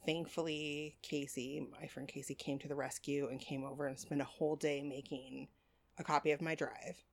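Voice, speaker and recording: A woman's voice: low voice, level tone, normal speed, vocal fry, slight background noise. Rambling, foul-mouthed woman co-host. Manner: rambling, swears freely. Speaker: podcast co-host. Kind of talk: casual chat.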